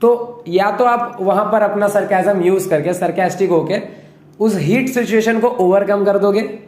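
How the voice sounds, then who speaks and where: Young male host, high voice, keeps asking if you follow, echoey room sound. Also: a little slow, darkish tone. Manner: keeps checking in with listeners. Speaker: host explaining a topic. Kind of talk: casual explanatory talk.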